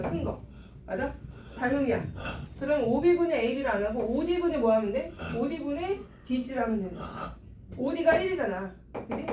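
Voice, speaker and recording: A woman teaching math to a class, her voice high and her tone coaxing as she keeps asking students questions. She sounds distant from the mic, the room is echoey, and a steady noise runs behind her.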